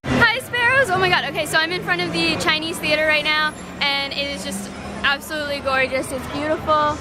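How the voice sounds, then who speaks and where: A young woman filming a travel vlog outdoors, gushing and excitable, squealing when something thrills her. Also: high-pitched, a little fast, over loud music, a loud crowd. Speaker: vlogger. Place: outdoors in a busy city, on a beach. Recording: noisy outdoor ambience with traffic.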